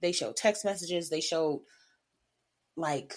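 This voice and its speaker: A woman's voice: low-pitched, slow pace. Chatty, laughing woman podcast co-host. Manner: animated, chatty, laughs often. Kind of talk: casual chat.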